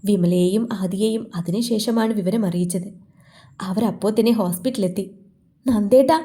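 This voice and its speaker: A woman narrating a romantic story aloud as a storyteller, reading gently and steadily. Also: medium pitch, steady tone, a little fast, breathy edge. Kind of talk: scripted narration.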